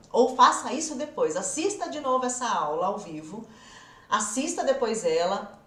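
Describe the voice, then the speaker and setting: A woman with a Brazilian Portuguese accent teaching a live English lesson, explaining with demonstrations and talking straight to her viewers. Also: a little high. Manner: animated, demonstrative explaining, addresses viewers directly. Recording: roomy echo.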